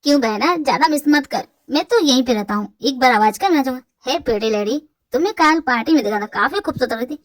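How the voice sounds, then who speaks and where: A woman's voice: high voice, animated, fast talker, no room sound, voice pushed down. Woman doing a cheeky teasing young guy.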